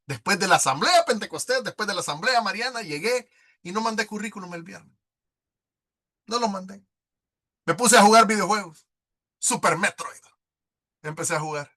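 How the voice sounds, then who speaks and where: At a prayer group, a middle-aged man gives his personal faith testimony with emotion, acting out conversations from his past. His voice sits high and sounds pushed and bright.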